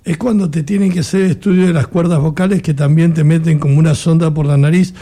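Gravelly Argentine radio interviewer. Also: male voice, a little high, steady tone, fast, dark tone. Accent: Argentine Spanish. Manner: conversational, probing, self-deprecating.

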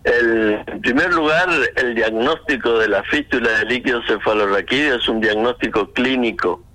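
During a phone interview, a man answers questions over the line in a bright, forceful voice of medium pitch. He is measured and explanatory, frequently hesitating and starting his sentences over.

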